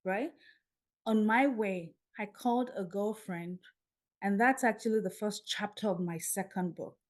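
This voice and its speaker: A Nigerian woman in her fifties, a podcast guest telling her story in a lively way and acting out the dialogue. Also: mid-range voice, measured pace.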